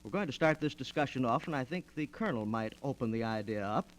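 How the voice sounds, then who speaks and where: Around a table in a radio studio, the host of a 1940s program introduces his guests in a formal, polished manner, preserved on a vintage transcription disc. His medium-pitched voice is expressive and fast.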